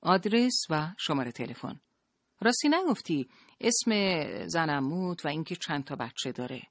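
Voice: medium pitch, sing-song, no echo. An audiobook narrator voicing a male police interrogator who questions with feigned, cool politeness, in a dry booth sound. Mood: stern. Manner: coolly polite, pressing. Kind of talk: audiobook character voice.

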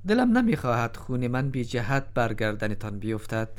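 A man's voice: medium pitch, sing-song, lightly acted. A man voicing a clever, composed slave pleading his case before a king in a told story. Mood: calm, reasoning. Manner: composed, cool-headed pleading. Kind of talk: storybook drama reading.

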